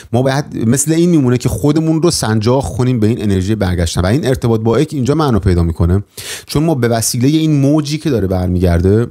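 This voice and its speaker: A young man hosting his own channel, giving a casual spiritual lecture with many pauses, hesitations and restarts as he thinks aloud. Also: on the low side, dark tone.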